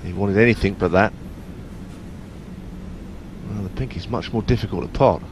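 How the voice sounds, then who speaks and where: A man giving hushed live snooker commentary in measured, analytical asides between shots. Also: fairly low pitch. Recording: noisy arena with audience behind. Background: audience and hall noise.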